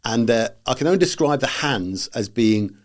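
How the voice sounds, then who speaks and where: A man's voice: mid-range voice, animated, normal speed. A man from Britain co-hosting a tech podcast, chatting casually and rambling through fillers and restarts. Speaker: podcast co-host. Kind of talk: casual chat.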